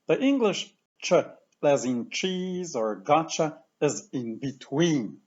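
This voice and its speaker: A man teaching pronunciation patiently, saying each word slowly and repeating it for the listener to copy. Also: fairly high pitch, expressive, darkish tone, muffled recording. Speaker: language teacher. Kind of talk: slow, clear pronunciation lesson.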